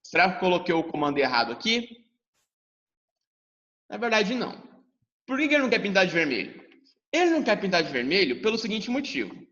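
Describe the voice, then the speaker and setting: With a high, sing-song, slightly bright voice, a Brazilian man moves fairly quickly through a lively lesson, pausing often as he talks to his students and acts out their questions. He has a Brazilian Portuguese accent. The recording is dull, with a long reverb tail.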